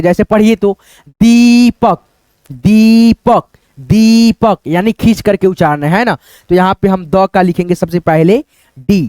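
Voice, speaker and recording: A man's voice: sits high, a little mellow, clean tone, no room sound. A man teaching English spelling step by step, who keeps asking his viewers questions and calls them friends.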